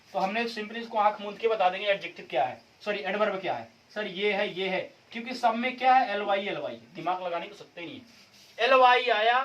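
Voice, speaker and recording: A man's voice: sits high, a bit bright, recorded from a distance, a little hiss or hum, poor audio. A man teaching English grammar in a video lesson, mixing in English terms and asking the viewer questions again and again. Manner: repeats rhetorical questions to the viewer; mixes English terms into explanation. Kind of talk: classroom-style video lesson.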